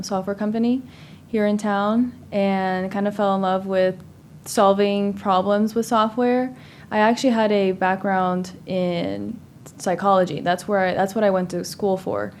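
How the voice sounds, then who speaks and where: A woman's voice: mid-range voice, a little mellow. Woman in her thirties from cuba, podcast guest, chatty and upbeat, bit of faint room hiss behind. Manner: upbeat, chatty, with frequent ums. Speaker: podcast guest, product manager. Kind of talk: casual interview talk.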